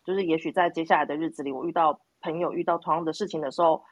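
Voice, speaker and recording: A woman with a Taiwanese Mandarin accent tells stories in a casual chat. She talks fast in a slightly low voice and acts out snatches of dialogue. The sound is dry and close. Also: steady tone, no room sound, muffled recording.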